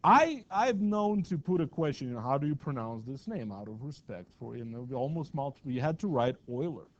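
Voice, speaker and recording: A man's voice: mid-range voice, big pitch swings, a little fast, lo-fi sound. A man teaching a math class in a classroom, chatty and often asking his students questions. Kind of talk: classroom lecture.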